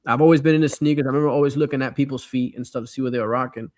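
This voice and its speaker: Reading viewer comments on his livestream, this middle-aged Miami man talks in relaxed, conversational slang with a nostalgic streak. His medium-pitched voice holds a steady tone, a little mellow, though he races along. The recording has no room sound.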